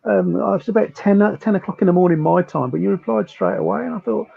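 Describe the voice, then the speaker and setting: A man's voice: high-pitched, quick pace, gravelly, breathy edge. A man joining a live stream as a guest, chatting politely over dull, dry lo-fi call audio. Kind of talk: casual live-stream chat.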